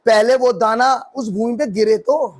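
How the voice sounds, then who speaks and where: A man's voice: extremely high pitch, fairly even intonation, unhurried, breathy edge. A man as pastor, preaching a sermon with emphatic rising questions to the congregation.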